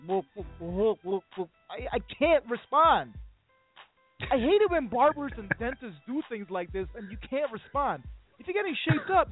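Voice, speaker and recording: A man hosting a casual sports talk show, telling a rambling story and acting out the dialogue. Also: extremely high pitch. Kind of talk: casual radio chat. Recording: phone-like audio with faint music.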